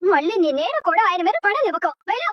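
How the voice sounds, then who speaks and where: An enraged TV-serial mother, loud and bitter, dry mix. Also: extremely high pitch, very animated, fast, dry recording, dull audio. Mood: furious. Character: furious middle-aged mother disowning her daughter. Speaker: mother of the bride. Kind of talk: TV serial drama acting.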